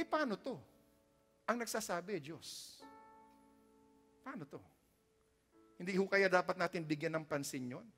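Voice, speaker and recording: A male pastor with a Filipino accent preaching a sermon, mixing Tagalog and English and swinging sharply in loudness for emphasis. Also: high-pitched, long reverb tail. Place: church sanctuary.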